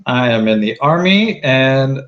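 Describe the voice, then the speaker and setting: A man's voice: medium pitch, expressive, a little slow, fairly bright tone, dull audio. Young man in his twenties, co-host; dry teasing humor, casual chat. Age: 20s. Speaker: co-host, soldier. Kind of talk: casual live stream chat.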